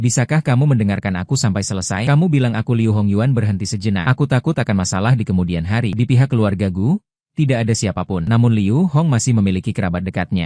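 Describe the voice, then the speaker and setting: A man narrating a first-person family drama story, reading every character's lines in an even read-aloud delivery. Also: fairly low pitch, no room sound, studio quality.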